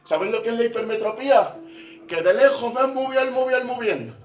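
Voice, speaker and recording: Predicador español de voz aguda y resonante. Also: male voice, extremely high pitch, fairly quick. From Spain. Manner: swings from hushed to shouting. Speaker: pastor. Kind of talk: sermon. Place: church. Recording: echoey church from far off, faint music.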